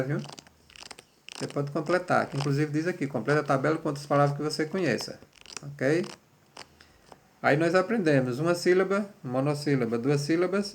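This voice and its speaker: Brief: man, slightly high voice, patient grade-school teacher, encouraging. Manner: patient, encouraging, spells out syllables. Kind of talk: remote classroom lesson.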